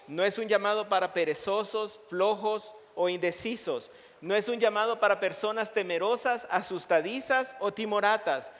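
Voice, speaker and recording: A man's voice: sits high, a bit bright. A male pastor preaching a sermon, emphatic, building his points through long repeated lists. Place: church sanctuary. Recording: long reverb of a church hall.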